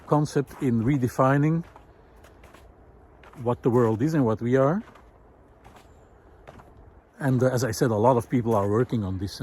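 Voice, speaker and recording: Out for a walk in a snowy park, a vlog host reflects aloud off the cuff, choosing his words thoughtfully and hesitantly. His voice sits at medium pitch with a warm tone, and there's slight background noise.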